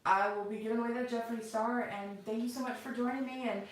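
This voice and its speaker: A woman's voice: fairly high pitch, steady tone, fast talker. A middle-aged woman chatting casually and unscripted to viewers as the host of a livestream from home. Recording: very echoey room, far from mic.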